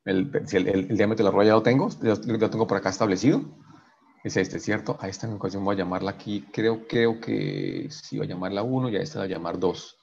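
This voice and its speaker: A man's voice: on the low side, expressive, fast, vocal fry, a little mellow, highs cut off, slight background noise. A man teaching an engineering class online, working through equations step by step and checking in with "right?" after each step, often restarting his sentences. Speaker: engineering professor.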